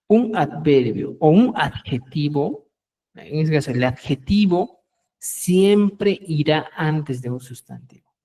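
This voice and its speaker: A man teaching a live online language class, repeating each example phrase slowly and checking in with his students, often trailing off softly at the end of a phrase. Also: a little high, poor audio.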